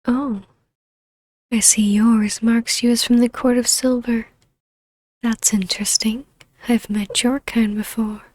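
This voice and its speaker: A taunting, predatory vampire baroness, an ancient huntress who became a regal, imperious ruler, is voiced by a woman in scripted ASMR roleplay. Her tone sits on the high side and stays level, slow and breathy in a hush that slides into whispers.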